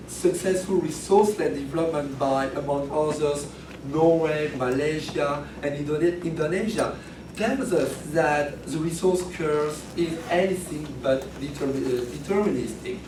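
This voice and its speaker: A man with a hoarse, grating voice reading formal opening remarks as a research professor, stumbling and correcting himself. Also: a little high. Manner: halting delivery with frequent stumbles and self-corrections. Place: echoey room at a workshop, indoors. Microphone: distant from the speaker. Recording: noisy, echoey room, distant microphone.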